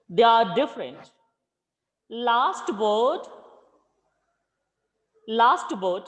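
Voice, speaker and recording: Man teaching online, slow, lively pitch, echo trailing in the room. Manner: slow, repeats questions and calls on students patiently. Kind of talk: online English class. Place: online video class.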